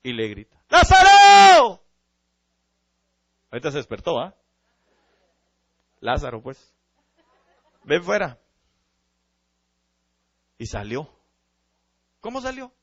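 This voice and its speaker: Lively, animated preacher man. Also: mid-range voice, moderate pace, pauses often, dry recording. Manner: animated preaching, often addressing listeners as brother. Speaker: pastor. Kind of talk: sermon.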